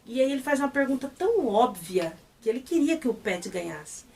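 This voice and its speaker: A woman with a Brazilian accent hosting a casual review vlog, retelling a story in an excitable, gushing way. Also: high voice, brisk, creaky, distant mic. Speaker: channel host reviewing a series.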